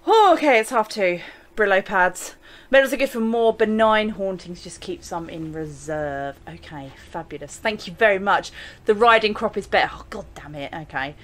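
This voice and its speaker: Playing a video game for her gaming channel, a young English woman chats casually through her let's play commentary, exclaiming and frequently laughing. She has a mid-range voice that sounds animated, at a normal speed.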